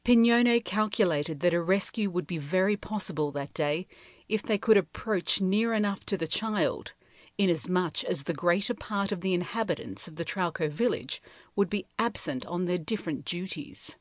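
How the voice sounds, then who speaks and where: Brief: woman audiobook narrator, slightly low pitch, measured and steady, dry close sound. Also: no room sound. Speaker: audiobook reader. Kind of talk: scripted narration of a novel.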